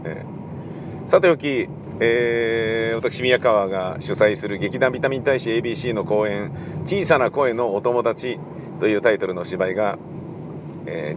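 A middle-aged man, a radio host and theatre director, talks casually while driving, rambling with many fillers in a polite explaining tone. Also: fairly low pitch. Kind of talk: casual solo talk recorded while driving. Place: in a car in city traffic. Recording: car and street noise behind.

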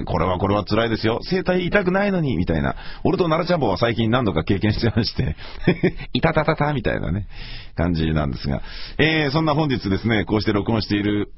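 A middle-aged man with a hoarse, gravelly voice, rambling casually and self-deprecatingly as he hosts a solo radio talk. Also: lowish voice. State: morning hoarseness after heavy talking. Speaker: radio show host and voice performer. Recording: slightly dull, lo-fi audio.

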